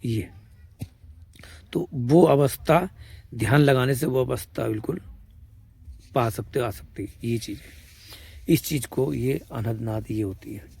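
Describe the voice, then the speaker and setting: A man's voice: mid-range voice, a little slow, vocal fry, long pauses, darkish tone, husky. A man with a Braj-region Hindi accent, a spiritual teacher giving an informal discourse, explaining patiently, repeating his points and checking that listeners follow. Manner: explains patiently, repeats points and asks "samajh rahe hain?".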